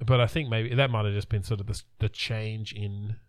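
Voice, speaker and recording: A man's voice: fairly low pitch, fairly even intonation, fairly quick, dry recording, clean studio sound. A man in his thirties co-hosting a podcast, chatting casually and rambling with many restarts. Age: 30s. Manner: rambling, restarts often, trails off. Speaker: podcast co-host. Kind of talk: casual chat.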